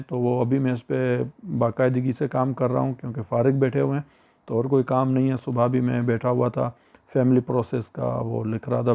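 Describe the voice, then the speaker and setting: A Pakistani YouTuber with an Urdu accent offers casual advice, repeating his points and addressing viewers like friends. His medium-pitched voice is mellow, with vocal fry.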